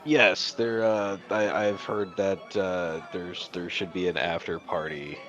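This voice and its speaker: A man playing a tabletop game, talking hesitantly with halting restarts. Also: low voice, fairly even intonation, fairly bright tone, muffled recording, soft background music, some chatter behind. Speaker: player. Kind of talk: tabletop role-play.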